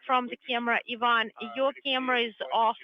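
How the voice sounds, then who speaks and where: A very high-pitched man speaks through a space radio communicator, the sound muffled and thin like a distant downlink. His phrasing is clipped and factual, plain radio procedure relayed from afar. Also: little pitch movement, brisk. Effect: sci-fi style space radio communicator voice. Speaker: interpreter for mission control.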